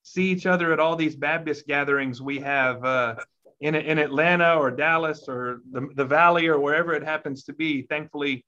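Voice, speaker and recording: A man's voice: on the high side, steady tone, moderate pace, bright, forceful tone. A man hosting a church conversation series, asking friendly, rambling questions with fillers. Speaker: host. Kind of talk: conversational interview. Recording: dull lo-fi audio.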